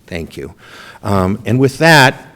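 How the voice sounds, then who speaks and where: A male pastor speaks gently and reflectively to close a church service. He pauses now and then with a soft filler before moving on. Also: fairly low pitch, sing-song. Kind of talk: closing remarks of a service. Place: church sanctuary.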